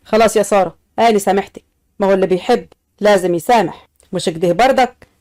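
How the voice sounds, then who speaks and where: A woman's voice: mid-range voice, fast, darkish tone, no echo, clean studio sound, close to an everyday voice. A woman voicing a devoted young husband, talking earnestly and with reproach in an audio story. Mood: tender. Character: young adult man, devoted, pleading husband.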